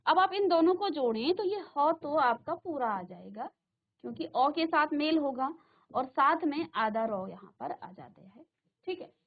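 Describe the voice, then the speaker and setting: Slow, high-voiced woman teaching a lesson. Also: animated, narrow, tinny audio. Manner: slow, repeats terms and asks the class questions. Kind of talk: classroom grammar lesson. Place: virtual classroom studio.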